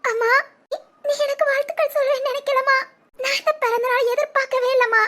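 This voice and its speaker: A very high, squeaky voice of a tearful young daughter, as a woman acts her out. She pleads and sobs in a childlike way. This is cartoon voice acting. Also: steady tone, fast talker, a bit bright. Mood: tearful, pleading.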